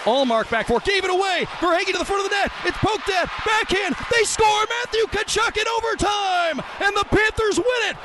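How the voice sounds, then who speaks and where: Guy doing fast hockey play-by-play, really high excited voice, noisy arena behind him. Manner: rapid-fire calls rising to shouted goal calls. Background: loud arena noise.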